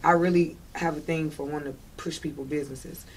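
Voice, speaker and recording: With slight background noise behind her, a Detroit woman speaks briskly in a low-pitched voice with fairly even intonation. She's a casual interview guest with a Detroit accent, emphatic and slangy, often confirming the listener is with her.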